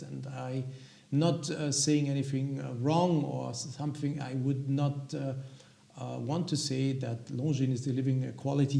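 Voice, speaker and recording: A man with an Austrian accent hosts a casual product video. His voice is mellow and soft-edged, with a marked gravelly fry. He presents in hesitant, halting phrases, speaking straight to his viewers. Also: medium pitch. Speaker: watch review video host.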